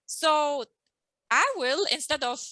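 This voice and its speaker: A woman's voice: high voice, takes it slowly, pushed and bright, no echo, rough recording. A woman hosting an interview and introducing her guest, in casual speech with ums, restarts and slightly non-native phrasing. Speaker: host and emotional well-being coach.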